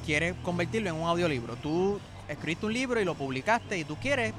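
A man's voice: sits high, lively intonation, a little fast, music in the background. A man with a Puerto Rican accent, a voice actor, explaining things in an easygoing casual chat. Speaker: voice actor and audiobook producer.

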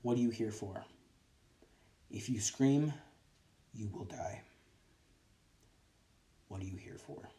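A man voicing a cornered male deep gnome in a tabletop game, speaking in a hushed, tense way. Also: steady tone, moderate pace, lightly acted. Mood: threatening.

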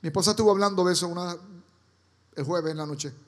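High-voiced pastor preaching in a reverberant hall. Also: male voice, fast talker, fairly bright tone. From Caribbean. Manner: passionate preaching, rhetorical questions to the congregation. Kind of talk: sermon. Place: church.

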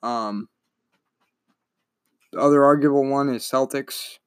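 A man's voice: mid-range voice, fairly even intonation, slow, clear, resonant tone, no echo, studio quality. A young man hosting a casual solo sports podcast, talking in a rambling, chatty way and often correcting himself. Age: young adult. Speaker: podcast host.

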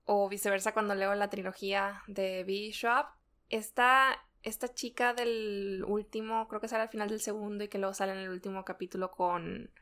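A woman's voice: medium pitch, flat delivery, moderate pace, a bit bright. A woman co-hosting a casual book discussion, chatty, laughing often and trailing off mid-thought. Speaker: book podcast co-host.

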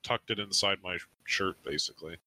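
A man's voice: sits low, fairly quick, bright, forceful tone, dry recording. An easygoing man playing a tabletop game with friends online. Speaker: player. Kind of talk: casual chat during a tabletop game.

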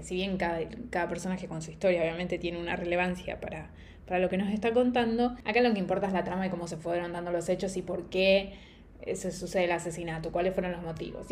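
A woman's voice: mid-range voice, a little mellow, slight background noise. Chatty young woman reviewing books. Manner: chatty, opinionated, laughs easily. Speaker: book reviewer. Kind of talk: casual book review vlog.

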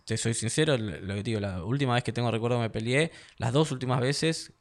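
A young Argentine man recounting street and ring episodes in an interview. He talks casually, keeps laughing, and puts on other people's lines in a louder voice. His pitch sits in the ordinary middle for a man. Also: fast. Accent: Argentine Spanish. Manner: animated, acts out quotes in a raised voice, laughs often. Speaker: fighter guest.

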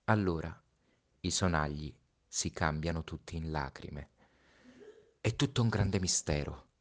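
Deep calm guy reading a story out loud, slow and hushed. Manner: slow, hushed, reflective pauses. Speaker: storybook reader. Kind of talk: read-aloud story narration.

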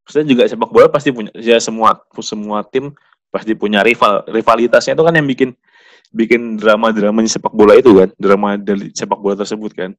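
A young man hosting a casual chat about football, talking quickly and restarting his sentences often. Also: fairly low pitch, fairly even intonation.

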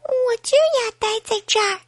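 A woman voicing a tiny, stubborn unborn baby with a high, babyish whine. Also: fairly even intonation, moderate pace, no echo, studio quality.

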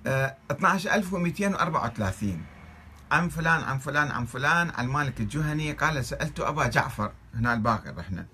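A man's voice: a little high, animated, racing, bright, forceful tone, slight background noise. A man with an Iraqi Arabic accent reads religious texts aloud and critiques them, arguing his case with a string of rhetorical questions. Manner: argumentative, fires off rhetorical questions. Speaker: religious commentator.

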